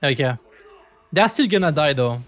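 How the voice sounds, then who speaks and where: A man's voice: a little high, expressive, moderate pace, a bit bright, dry recording. A man streaming casual anime reaction commentary in short, offhand, chatty remarks. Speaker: VTuber streamer. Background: music from the show being watched.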